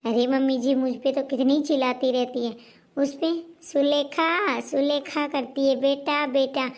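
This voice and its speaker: A woman's voice: high-pitched, steady tone, measured pace. A woman doing a sulky jealous daughter-in-law. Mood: resentful. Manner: sulky, sarcastic. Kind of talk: homemade family skit.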